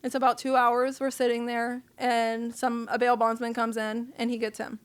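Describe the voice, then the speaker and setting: A woman's voice: fairly high pitch, completely flat delivery, moderate pace, clean tone. A woman guest on a podcast, telling her own story in a candid, casual and profane way.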